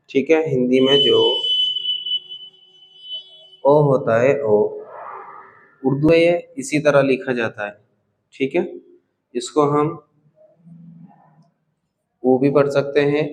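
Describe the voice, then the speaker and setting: A man's voice: medium pitch, takes it slowly, long pauses, poor audio. A man teaching how to read a script in a patient, step-by-step lesson, stretching out vowel sounds to show them and often checking in with his learners. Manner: patient, checks in with "theek hai" after each point. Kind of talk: slow step-by-step language lesson.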